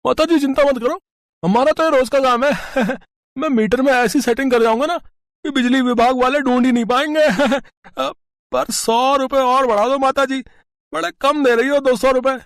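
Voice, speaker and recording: A man's voice: extremely high pitch, steady tone, normal speed, dry recording, clean studio sound, voice pushed up. A man voicing a greedy, sly young electrician in a cartoon, wheedling and fawning with chuckles. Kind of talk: cartoon voice acting.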